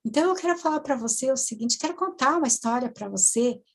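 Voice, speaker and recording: A woman, a hypnotherapist telling a client's story in a halting way, full of tag questions and restarts. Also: sits high, animated. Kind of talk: storytelling lecture to students.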